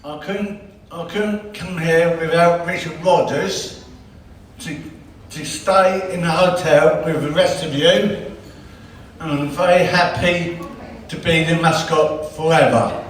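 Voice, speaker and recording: A man accepting an award gives a brief, halting thank-you speech. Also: on the high side, steady tone, slight background noise. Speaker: award recipient. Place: large banquet hall with crowd. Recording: echoey hall, distant mic, crowd.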